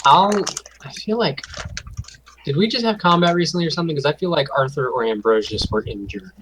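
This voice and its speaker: A man's voice: a little high, a little fast, a bit bright, slight background noise, low-quality recording. A man playing a tabletop game, thinking aloud and joking with the table. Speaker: player. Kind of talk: casual tabletop game chat.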